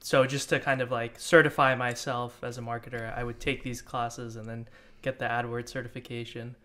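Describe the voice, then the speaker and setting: A man's voice: medium pitch, flat delivery, brisk, sharp tone. Young adult male, casual chat, informal phrasing peppered with "like". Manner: informal, frequent "like".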